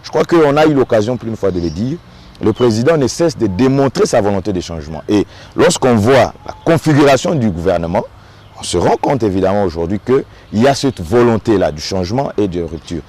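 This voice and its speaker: Very animated and brisk, a man with a lowish, slightly mellow voice and a Congolese French accent comments on politics in an on-site interview. He is a local notable from the Democratic Republic of the Congo who speaks earnestly, often repeating short words while he finds the next one.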